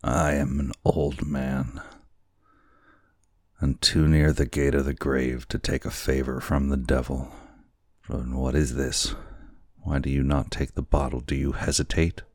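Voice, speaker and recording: A man reading an audiobook, voicing a kindly, frail old man in a soft, hushed voice. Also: a bass voice, level tone, unhurried, no room sound, studio quality. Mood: gentle. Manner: soft, hushed, half-whispered.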